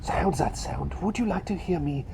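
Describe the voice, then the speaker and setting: A man voices a high-pitched, fairly quick version of the mild, flustered doctor who's turned into a small talking bird, in an ASMR roleplay of personal attention. The mood is gently musing, and his soft, breathy delivery keeps dropping to a whisper as he hesitates, rambles and repeats phrases, recorded close-up on an ASMR mic with clear background noise.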